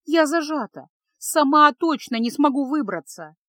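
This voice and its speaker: A woman's voice: high-pitched, lively intonation, a little slow, bright, forceful tone, no room sound, clean studio sound, voice pushed up, heavily acted. A woman voicing a frightened young female witch apprentice in an audiobook, pleading and tearful.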